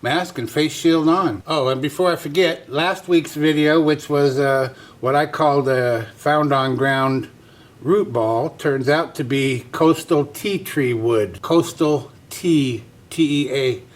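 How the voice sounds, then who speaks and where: Speaking slowly with a fairly high pitch, a man hosts a woodturning demonstration on his channel. He chats in a relaxed, homespun way, describing each step as an instructor would.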